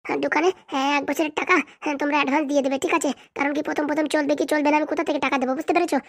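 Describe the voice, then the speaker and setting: A woman plays a jilted cartoon wife with a high voice who argues at a racing pace. She is insistent and complaining, never letting up. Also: level tone, rapid-fire. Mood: aggrieved. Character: jilted young wife, bold and demanding.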